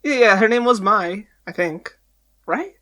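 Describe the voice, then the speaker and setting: A man hosting a casual podcast, jokey and animated, dropping loud and soft. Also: high voice, unhurried. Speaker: podcast host.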